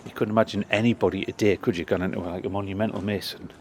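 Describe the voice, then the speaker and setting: Racing along in a fairly low, darkish voice with a steady tone, a middle-aged man walks a churchyard for his history vlog. He reads old inscriptions aloud and talks enthusiastically. The recording is outdoors and noisy, with birds chirping.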